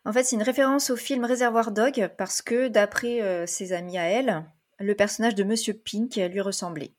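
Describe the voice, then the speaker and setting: A woman's voice: medium pitch, moderate pace. A woman co-hosting a casual chat, sharing facts and leading the discussion. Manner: informative, leads the discussion.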